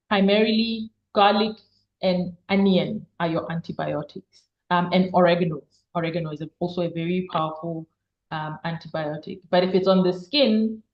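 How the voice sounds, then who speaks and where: A woman's voice: lowish voice, echoey room, highs cut off. A woman giving health advice in a casual question-and-answer chat, explaining at length and repeating words for emphasis. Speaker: health guest expert.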